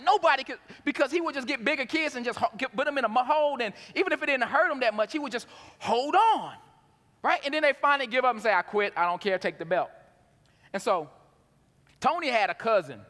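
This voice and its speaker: A man preaching a sermon, telling stories with big swings from quiet to loud. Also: sits high. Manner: animated storytelling, swinging from hushed to loud. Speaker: pastor. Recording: long hall reverb.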